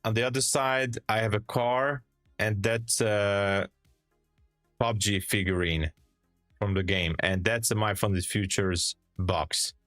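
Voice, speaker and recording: A young man with a Hungarian accent chats with viewers during a live trading stream. His voice sits low, and he takes his time between words. The sound is dry and close, with soft music behind him. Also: steady tone, slow, dry recording. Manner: chatty, laughing, frequent restarts while reading chat. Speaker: live-stream day trader. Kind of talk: casual live-stream chat answering viewers. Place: home trading room. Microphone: headset.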